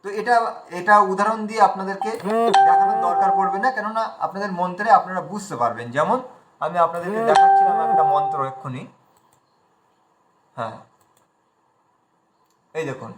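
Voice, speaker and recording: A man's voice: high-pitched, fairly quick, long pauses, echoey room, heavy background noise. A man teaching an online pronunciation class, patiently spelling out letters one by one as he shares his screen.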